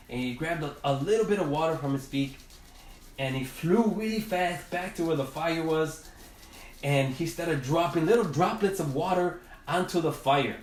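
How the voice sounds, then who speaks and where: A man leads a drawing lesson, telling a gentle story as he colors. He speaks in a middle-pitched voice, unhurried and halting, with frequent restarts. The sound is roomy and distant, as if the mic were several feet away. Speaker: art teacher.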